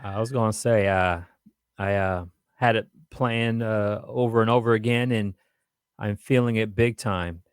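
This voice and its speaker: A man's voice: lowish voice, steady tone, unhurried, smooth, no echo. Upbeat radio host man, dry close sound. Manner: enthusiastic, loose, with fillers. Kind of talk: casual radio interview.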